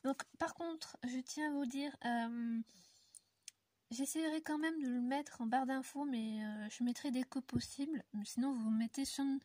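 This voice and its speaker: A woman's voice: high voice, steady tone, unhurried, darkish tone, a little hiss or hum. A woman from France chatting casually to her viewers while colouring, rambling with many fillers and often dropping to a near-whisper. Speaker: YouTuber colouring on camera. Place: indoor room in the mountains.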